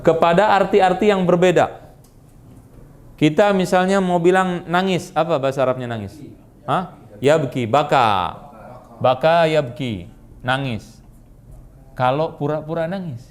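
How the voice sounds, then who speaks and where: An Indonesian-accented man teaching an Arabic grammar class, quizzing students with quick questions and repeating their answers. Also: fairly high pitch, a little hiss or hum. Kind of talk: classroom lesson.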